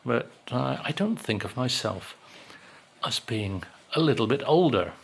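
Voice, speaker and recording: A man's voice: medium pitch, lively intonation, measured pace, gravelly, a little hiss or hum. A man in his sixties chatting casually to camera as a vlogger, rambling and wry with lots of ums. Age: 60s.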